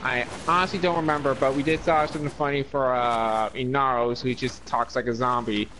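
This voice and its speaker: An American man co-hosting a gaming stream, making relaxed, low-key remarks. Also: a little fast, noisy background. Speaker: co-host. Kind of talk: casual gaming chat. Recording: game music loud behind.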